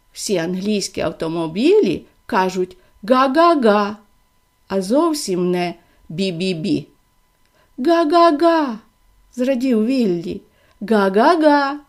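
A woman reads a children's fairy tale aloud in a gentle, expressive way. Her voice sits high yet sounds mellow and warm. She takes her time, letting each line settle. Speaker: storyteller.

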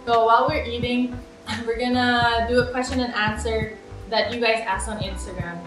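A woman's voice: on the high side, fairly even intonation, normal speed. A young woman chats and teases through a casual question-and-answer while eating. She sounds a little distant, as if picked up by a camera across the table. The kitchen rings with some room echo, and light music plays underneath. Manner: chatty, playful, laughs often. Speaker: vlog host. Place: home kitchen, indoors.

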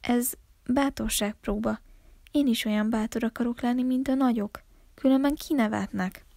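A woman doing a small, timid village boy in a storybook reading, soft and a touch high, with a gravelly grain in a dry, close sound. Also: dry recording. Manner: soft, hesitant, then eager.

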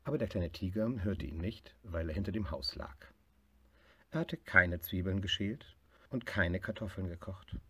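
Low, bright-toned male storyteller. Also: moderate pace, husky, no echo. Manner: lively, expressive reading, swelling louder in happy parts. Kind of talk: reading a picture book aloud.

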